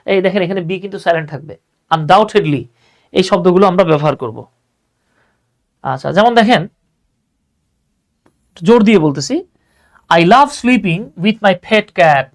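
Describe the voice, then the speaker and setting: A high-voiced man with a Bangladeshi accent teaches an English exam-prep lesson, patiently explaining and repeating key phrases for his students.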